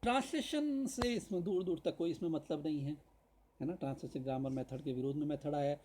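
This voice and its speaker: A male teacher giving a lecture to trainee teachers, explaining in Hindi, often asking "right?", and reading points slowly. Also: a little high, warm tone, a little hiss or hum, rough recording. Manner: addresses viewers directly with tag questions.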